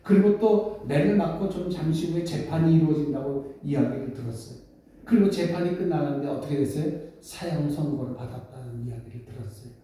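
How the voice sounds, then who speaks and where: A man's voice: on the high side, fairly quick, warm tone. A male pastor preaching a dramatic storytelling sermon, asking his listeners questions. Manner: dramatic, asks the congregation questions. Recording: echoey church hall, mic far off.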